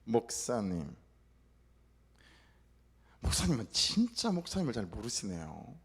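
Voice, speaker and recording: Blunt sarcastic church lady needling someone, a guy acting her out, huskyish and lively. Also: fairly low pitch, moderate pace, husky, full character voice. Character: blunt middle-aged female church deaconess, sarcastic.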